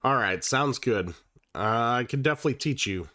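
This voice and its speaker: Sounding a bit nasal from being ill, a man hosts a board game live stream, talking loosely and profanely with plenty of fillers and false starts. His medium pitch carries lively intonation at a moderate pace, and his tone is bright and forceful. The studio sound is clean, without echo.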